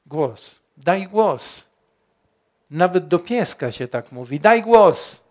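A man preaching a sermon as pastor, slow and emphatic, asking the congregation questions and rising to loud peaks. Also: a little high, expressive.

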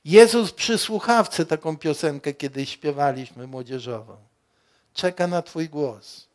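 Male pastor, slightly higher voice, slow deliberate sermon delivery with loud emphatic rises and rhetorical questions. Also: lively intonation.

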